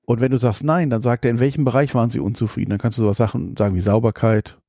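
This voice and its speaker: A man's voice: medium pitch, steady tone, very fast, creaky, warm tone, no echo, clean studio sound. A man in casual chat, critical and opinionated, talking with many fillers. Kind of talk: casual chat about theme parks.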